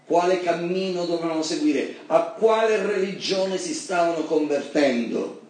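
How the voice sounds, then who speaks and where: Male preacher in a very echoey hall. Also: a little slow. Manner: animated, rising to high emphatic bursts. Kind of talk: sermon. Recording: very echoey hall, mic far off, faint background noise.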